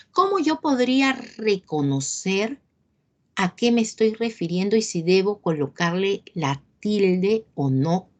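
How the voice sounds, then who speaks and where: A woman's voice: fairly low pitch, darkish tone. A woman teacher leading an online class, patiently asking her students questions over a video call.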